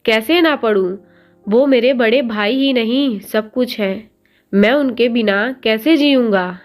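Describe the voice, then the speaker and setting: A woman's voice: fairly high pitch, takes it slowly, soft background music. A woman voicing a teenage schoolboy who pleads with his sister-in-law in a choked, sobbing voice, in a storybook reading. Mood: pleading.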